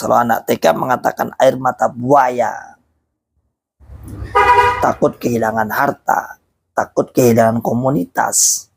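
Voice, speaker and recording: Hoarse preacher, gravelly, repeats his appeals with fervor. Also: medium pitch. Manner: fervent, urging, repetitive. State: hoarse, recovering from illness. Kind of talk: preaching talk to followers.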